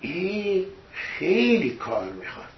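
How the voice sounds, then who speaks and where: Man, fairly high voice, preaching a sermon, rhetorical questions, echoey dull lo-fi recording. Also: huge pitch swings, slight background noise. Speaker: religious teacher.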